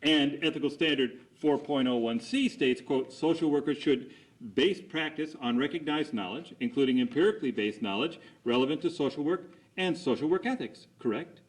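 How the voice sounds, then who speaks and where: A man's voice: on the high side, moderate pace, poor audio. A man conducting a cross examination as an attorney, putting formal, methodical leading questions and seeking agreement after each statement.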